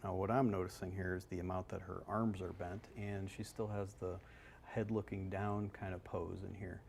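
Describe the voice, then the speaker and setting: A man's voice: low-pitched, little pitch movement, moderate pace, vocal fry, a little mellow, a little hiss or hum. A man working as a golf instructor, explaining swings in a loose, conversational way on a live analysis show.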